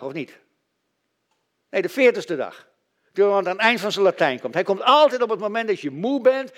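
A middle-aged man preaching a sermon, telling stories with dry, self-mocking humor. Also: sits high. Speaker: pastor.

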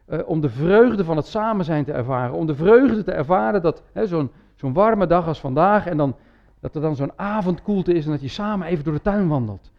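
A man's voice: on the high side, lo-fi sound. A man preaching a sermon in a church, talking in a conversational way with frequent tag words and restarts. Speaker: pastor.

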